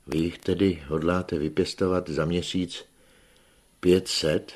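A shrewd countryman answers in a low, dry and understated voice, as a male narrator voices him. His husky tone stays calm and skeptical. An audiobook reading.

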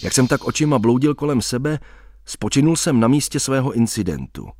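A man reading a first-person story aloud in a measured, wry storytelling manner. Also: mid-range voice, expressive, darkish tone, faint music behind. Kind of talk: scripted story narration.

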